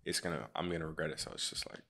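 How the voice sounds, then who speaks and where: A man's voice: a bass voice, lively intonation, very fast, gravelly, pushed and bright, slight background noise. A young man co-hosting a podcast in casual chat, laid-back and trailing off into near-whispers. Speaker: podcast co-host.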